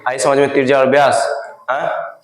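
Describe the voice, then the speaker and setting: Even-toned male math teacher in an echoey room. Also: mid-range voice, normal speed, a crowd in the background. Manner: repeats questions to the class and answers them himself. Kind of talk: classroom lesson. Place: classroom. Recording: echoey classroom.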